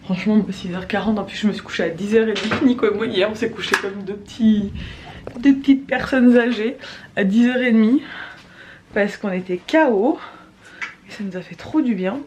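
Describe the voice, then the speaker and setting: A woman's voice: medium pitch, brisk. A woman chatting casually about everyday life as a vlogger. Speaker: vlogger and mother. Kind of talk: casual vlog chat. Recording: clear background noise.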